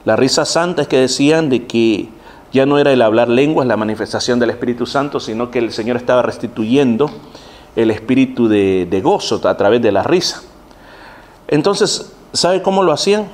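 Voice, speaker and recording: A man's voice: medium pitch, moderate pace. A man who is a pastor, giving a sermon-style Bible study to his congregation, addressing them as brethren and acting out scenes as he speaks. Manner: animated preaching, acts out scenes.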